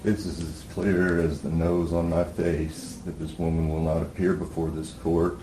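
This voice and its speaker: A man's voice: deep voice, level tone, normal speed, warm tone, slight background noise. A man, a lawyer, making emphatic objections and arguments in a courtroom. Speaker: opposing lawyer. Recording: echoey distant courtroom audio.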